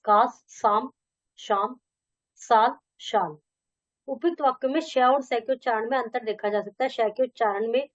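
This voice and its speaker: A woman's voice: on the high side, a little mellow, dry recording. A young woman teaching a Hindi lesson, reading textbook lines and explaining them in casual Hindi with some English. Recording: dull dry lo-fi recording.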